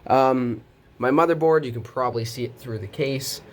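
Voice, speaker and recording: In this casual bedroom vlog, a teenage boy with a medium-pitched voice speaks at a moderate pace against slight background noise. He's nasal from a cold he's getting over and rambles with lots of ums and restarts as he moves near the camera mic.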